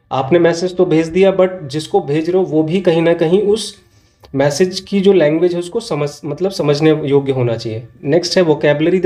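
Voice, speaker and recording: Hindi-speaking Indian male tutor, mellow voice. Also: a little high. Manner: reads English lines slowly, then explains them in Hindi, repeating key terms. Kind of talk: exam-prep lecture explaining English text in Hindi.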